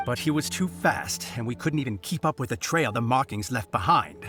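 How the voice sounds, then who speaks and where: A man with a natural, mid-range voice and lively intonation speaks at normal speed, playing an officious, dutiful knight on guard duty in an anime-style video game. His delivery is formal, declamatory and explanatory, with music behind the voice.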